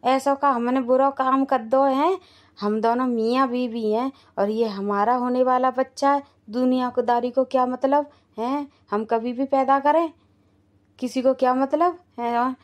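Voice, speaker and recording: A woman puts on an aging village husband in a cartoon, brushing off shame and reassuring his wife. The voice sits a little high. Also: close to an everyday voice. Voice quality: reassuring, unbothered. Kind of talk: cartoon dialogue.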